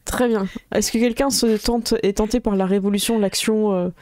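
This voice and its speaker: A woman's voice: mid-range voice, fairly even intonation, normal speed, a little mellow, no echo. A woman running a tabletop role-playing game, explaining the scene casually with many fillers and frequent laughter. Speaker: game master.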